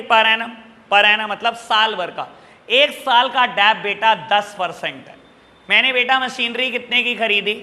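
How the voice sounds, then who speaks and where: A man's voice: sits high, sharp tone, long reverb tail. A male accounts teacher giving a classroom lecture, affectionately addressing his students and often checking whether they have understood. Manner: affectionate, repeatedly calls students "beta"; asks "clear?" to check understanding.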